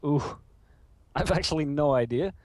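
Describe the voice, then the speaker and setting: A man's voice: fairly high pitch, moderate pace, a little mellow, dry recording. A man hosting a casual call-in chat, hesitant and full of fillers. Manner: hesitant, filler-heavy, laughs easily. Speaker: show host.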